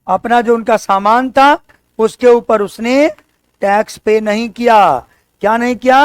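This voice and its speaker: Slow, high-pitched male teacher. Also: steady tone, clean tone, no echo. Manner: slow, repeats key words and quizzes students. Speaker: English teacher. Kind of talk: exam-prep language lesson.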